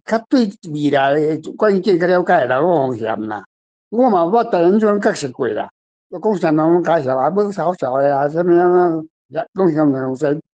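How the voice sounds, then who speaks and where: An older man with a Taiwanese accent answers questions as a guest author, his fairly high voice animated, a little mellow, and at a moderate pace. The talk on literature is unscripted, rambling, plain, emphatic, and repetitive, and the sound is lo-fi.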